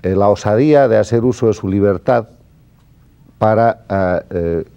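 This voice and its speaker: A man's voice: lowish voice, normal speed, vocal fry, warm tone, clean tone. A man from Bolivia, a guest on a television interview, making an emphatic political argument as he lists points one after another. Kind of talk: formal TV interview. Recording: dull lo-fi broadcast sound.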